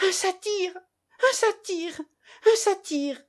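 A woman's voice: very high-pitched, animated, slow pace, pitched above the performer's own voice, heavily acted. A woman reading aloud, voicing a feverish, terrified young boy who cries out in anguish. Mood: screaming.

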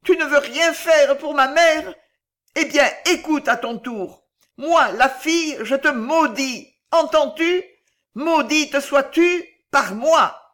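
A woman's voice: high-pitched, takes it slowly, fairly bright tone, pitched above the performer's own voice. A woman voicing a desperate young girl singer who pleads and sobs in a strained, tearful voice. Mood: cursing.

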